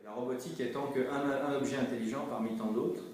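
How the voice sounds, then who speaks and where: A man's voice: mid-range voice, steady tone, brisk, darkish tone, soft background music. A man giving explanatory interview talk as a company representative, hesitantly repeating words as he searches for phrasing. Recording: very echoey room, distant mic, faint noise.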